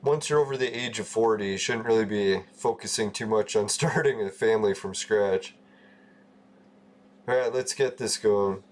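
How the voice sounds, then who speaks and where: A man's voice: fairly low pitch, normal speed. A man in his forties from Canada, chatting casually and loosely on a gaming livestream, swearing often and laughing at his own stories. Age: 40s. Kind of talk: casual rambling chat.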